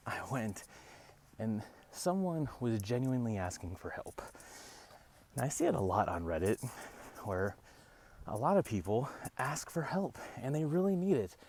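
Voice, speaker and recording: A man talks straight to camera in a casual rant, wry and sarcastic. His pitch swings widely up and down as he tells the story. He sounds a little out of breath, as if walking uphill outdoors. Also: unhurried, long pauses. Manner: animated, wry, sarcastic asides. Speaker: realtor vlogger.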